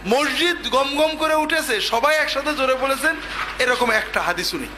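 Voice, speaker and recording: Very high, sharp male lecturer. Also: expressive, moderate pace, slight background noise. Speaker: speaker in a religious debate.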